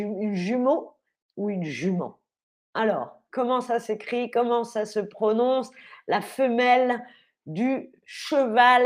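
Young woman teacher on a livestream, slow careful talk, spells words out letter by letter, kinda high voice, encouraging. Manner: upbeat, encouraging, quizzes viewers. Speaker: French teacher hosting a livestream. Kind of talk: live online vocabulary lesson.

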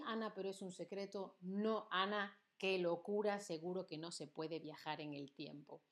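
In a medium-pitched, darkish voice, a young southern Spanish woman from Andalusia runs a live-stream Spanish lesson using a neutral standard accent. She's chatty, putting questions to viewers and reading their chat messages out loud.

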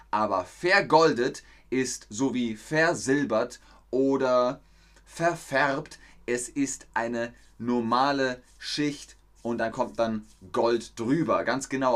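A man teaching a livestreamed German lesson, explaining words slowly and reading out viewer comments. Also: medium pitch, fairly bright tone.

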